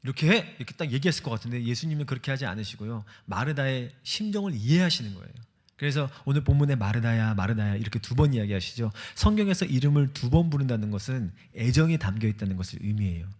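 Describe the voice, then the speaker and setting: A man's voice: medium pitch, animated, fast talker, darkish tone. A young man preaching a sermon, telling a story with feeling and acting out the quoted speech of the people in it.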